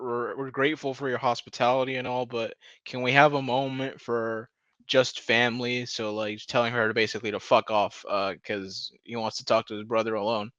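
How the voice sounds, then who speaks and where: This man rants casually through a TV episode recap as a video commentator, swearing and laughing as he talks and mockingly acting out the quoted lines he retells. His voice is mid-range and fairly bright, captured dry on lo-fi audio.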